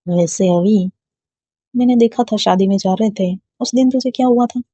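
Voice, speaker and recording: A woman's voice: medium pitch, moderate pace, breathy edge, no room sound, close to an everyday voice. A woman reading a storybook voicing a strict, suspicious mother who questions sharply. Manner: probing, sharp-tongued. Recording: dull lo-fi dry recording.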